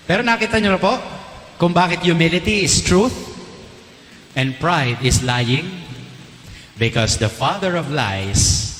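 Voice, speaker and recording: Filipino priest preaching in an echoey hall. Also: male voice, on the high side, a bit bright, slight background noise. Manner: playful, teasing questions to the crowd, code-switching with English. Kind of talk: teaching sermon to a live audience. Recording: roomy hall reverb, faint ambience.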